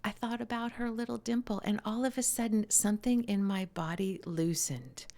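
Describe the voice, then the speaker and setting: A middle-aged woman, a mother of a grown daughter, talking in a soft, passionate way that often drops to a near whisper. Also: medium pitch, moderate pace. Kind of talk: casual conversation.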